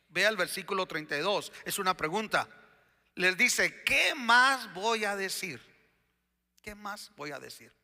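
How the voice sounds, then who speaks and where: Slow, high-voiced pastor preaching. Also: male voice, bright, forceful tone, in a large hall. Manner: slow, deliberate preaching with emphatic questions. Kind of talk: sermon.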